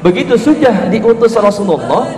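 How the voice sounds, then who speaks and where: A man's voice: high-pitched, sing-song, normal speed, a crowd in the background. A man giving an emphatic religious lecture into a handheld mic in a mosque hall, stressing warnings. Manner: emphatic, admonishing. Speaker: Islamic preacher. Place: mosque hall, seated behind table. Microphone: handheld microphone. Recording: echoey hall with music behind.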